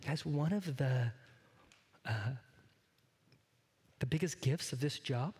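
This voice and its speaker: A man's voice: on the high side, slow pace, a little mellow, big-room sound. A man pastor giving a sermon, earnest and conversational, often turning to speak straight to his congregation. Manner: conversational, earnest preaching that addresses the congregation directly.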